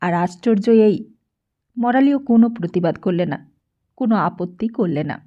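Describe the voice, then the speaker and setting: A woman's voice: fairly low pitch, expressive, normal speed, lo-fi sound. A woman narrating a novel as an audiobook reader, reading steadily and expressively. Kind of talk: storybook narration.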